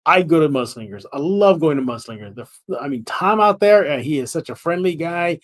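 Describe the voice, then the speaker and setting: A man's voice: fairly high pitch, animated, fairly quick. A man hosting a sports podcast, chatty and upbeat, laughing easily with his guest. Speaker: podcast host. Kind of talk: casual sports podcast chat.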